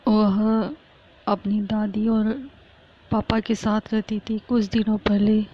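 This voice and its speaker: A woman's voice: mid-range voice, monotone, slow pace, dark tone. A woman narrating a family story as a storyteller, on a muffled lo-fi recording.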